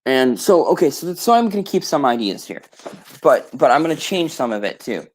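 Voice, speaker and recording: A man's voice: a little high, very animated, fairly quick, slight background noise. A man streaming alone, retelling a story in a rambling casual way with many restarts and self-corrections. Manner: casual, swears offhandedly.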